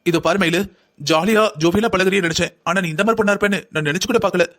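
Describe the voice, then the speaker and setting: A man's voice: high voice, very fast, fairly bright tone. A man voicing an upright young husband in a cartoon, stern and scolding. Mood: indignant. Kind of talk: cartoon voice acting.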